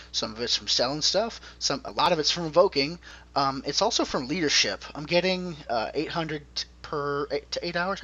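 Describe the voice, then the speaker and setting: A man's voice: a little high, bright, forceful tone. A man hosting a casual gaming podcast over a conference call, chatty and explaining at length. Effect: conference call line. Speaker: podcast host. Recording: dull lo-fi call audio.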